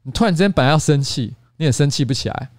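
A man's voice: fairly high pitch, expressive, rapid-fire, darkish tone, no room sound, clean studio sound. A man in his forties with a Taiwanese Mandarin accent, hosting a casual livestream chat and rambling with many restarts and repeats. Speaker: podcast host. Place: office studio.

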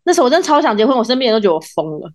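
A woman with a Taiwanese accent hosting a casual podcast chat in an expressive, playfully teasing way. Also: a little high, racing. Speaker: podcast host, former radio presenter.

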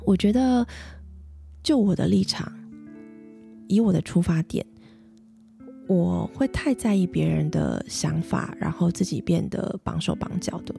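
A woman, gently and reflectively telling a personal story as a mother, with many soft fillers. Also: on the low side, a little slow, vocal fry, long pauses, faint music behind. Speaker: mother and vlogger.

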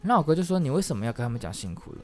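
A man, hosting a podcast and telling casual stories, animated and acting out the voices of the people he quotes. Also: on the high side, rapid-fire. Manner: animated, acts out quoted voices, laughs often. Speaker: podcast host. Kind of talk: casual storytelling monologue.

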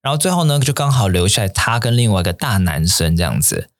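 Man, low voice that swings widely, English teacher explaining phrases, dry close mic. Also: quick pace, no echo. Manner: animated, mixes English phrases into Mandarin. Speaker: English teacher and podcast host.

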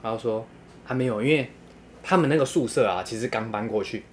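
A young man telling a crude story in casual chat, animated and laughing often. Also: medium pitch, fast, slight background noise.

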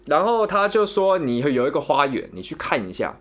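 A young podcast co-host with a Taiwanese Mandarin accent casually tells a long, rambling story, repeating words as he goes and growing animated when retelling events. His voice is fairly high and his speed normal.

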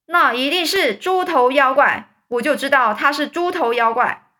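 A woman's voice: high-pitched, lively intonation, brisk, sharp tone, voice pushed up. A woman voicing a frightened, shrieking fire chief in a children's story reading. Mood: panicky yelling. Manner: shrieking, panicky.

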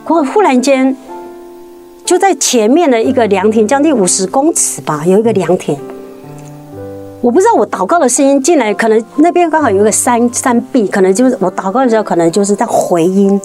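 A woman shares a personal faith story in a somewhat high voice. She talks earnestly and haltingly, restarting phrases and climbing higher at the tense parts. Soft music plays faintly behind her. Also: expressive. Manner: earnest, halting, with many restarts and repeated words; rises sharply in pitch at tense moments. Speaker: guest sharing a faith testimony.

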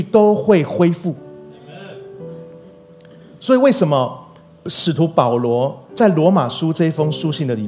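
High-voiced male pastor preaching earnestly. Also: a little mellow. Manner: earnest, repeats key phrases for emphasis. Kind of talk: sermon.

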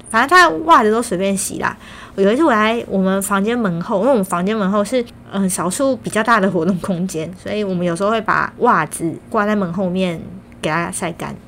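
A young woman speaks Taiwanese Mandarin at a middling pitch, in a casual, chatty storytelling style. Her consonants are a little muddled, as she talks with braces on. Some steady noise sits clearly behind her voice. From Kaohsiung, Taiwan. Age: young adult. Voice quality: slightly slurred articulation from braces. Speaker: vlogger.

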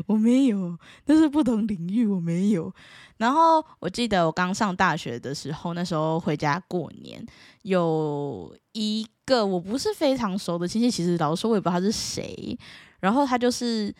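Animated Taiwanese woman telling stories. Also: medium pitch, moderate pace, no echo, clean studio sound. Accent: Taiwanese Mandarin. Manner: animated, playful, laughs often. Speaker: vlogger. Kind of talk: casual storytelling.

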